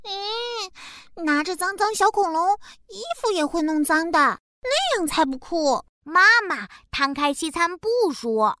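A woman's voice: very high voice, lively intonation, measured pace, sharp tone, no room sound, clean studio sound, full character voice. A woman voicing a cheerful, proud little boy bear cub in a children's storybook, playful and sing-song, with sound effects. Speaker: storybook narrator in character.

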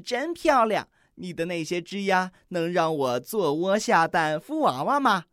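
Reader putting on a happy little cuckoo, high eager voice, asking nicely. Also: big pitch swings, normal speed, no room sound, studio quality, lightly acted.

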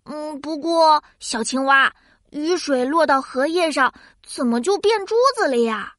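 A cheerful little child who hosts a children's science cartoon. The voice is very high and bright, with a dry, close sound. It is childlike, curious and full of wide-eyed exclamation. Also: female voice, unhurried, no echo. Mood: curious, impressed.

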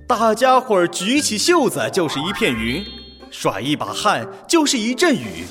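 A man voicing a short, witty and unflappable ancient envoy in a children's story audio drama, speaking calmly with drawn-out, measured pauses. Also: a little high, long reverb tail, pitched above the performer's own voice.

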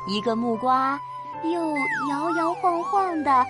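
A woman telling a children's story as a mother, playful and animated, with sound words. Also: high-pitched, slow pace. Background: children's background music.

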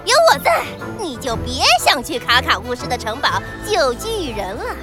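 A woman's voice: sits high, big pitch swings, normal speed. A woman voicing a boastful, taunting vine spirit henchman in a children's cartoon, with a cackling laugh. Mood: gloating. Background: children's music.

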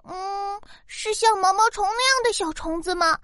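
A woman voicing a curious, easily scared little girl rabbit in a children's storybook, childlike and excitable. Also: extremely high pitch, moderate pace, no room sound, clean studio sound. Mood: fearful. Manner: childlike, whiny, excitable outbursts.

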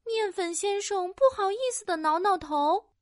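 A woman narrating a children's audio story in a playful, animated way with sound-effect words. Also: very high voice, normal speed, no echo, studio quality.

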